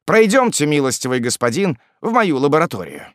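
A man voicing a frightened, fawning old male morgue keeper in an audiobook, with a high, trembling, pleading whine. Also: big pitch swings, fairly quick, no room sound, clean studio sound. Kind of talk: audiobook reading.

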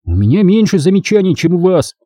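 A man's voice: high-pitched, very animated, a little fast, dark tone, no echo, studio quality, voice pushed up. A man voicing a timid, guilty young boy who speaks in a trembling, hesitant way.

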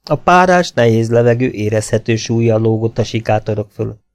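A man's voice: lowish voice, lively intonation. A man reading a novel aloud as an audiobook narrator. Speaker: audiobook reader. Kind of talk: storybook narration with dialogue.

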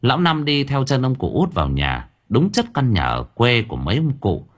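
A man narrating an audiobook story, with lively storytelling rises and falls. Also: mid-range voice, normal speed. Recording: narration over faint background music.

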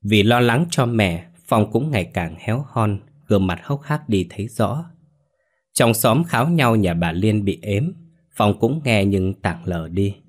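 A man reading a horror story as a scripted narration, slow and hushed in the eerie parts. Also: fairly low pitch, lively intonation.

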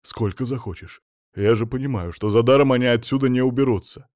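A henpecked wealthy husband pleading loudly and emphatically with his wife, as read by a male narrator. Mid-pitched, dry, close-miked. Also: a little fast, no echo, lightly acted. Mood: emphatic. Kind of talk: audiobook character reading.

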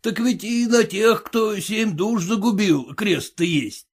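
A man's voice: sits high, takes it slowly, breathy edge, voice pushed up, full character voice. A man voicing a group of mocking merchants who jeer at a card player in a story reading. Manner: teasing, mocking banter.

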